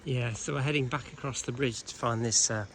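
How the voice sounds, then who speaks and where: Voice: mid-range voice, steady tone, fairly quick, fairly bright tone. Teasing vlogger filming on the street. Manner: teasing, asks lots of questions, laughs often. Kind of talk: casual travel vlog chat. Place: outdoors in a town street. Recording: street noise behind.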